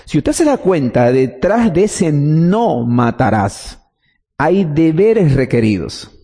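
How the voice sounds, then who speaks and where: A man's voice: a little high, sing-song, a little slow, mellow, slightly rough, long reverb tail. A man preaching a teaching sermon, explaining step by step and answering his own questions.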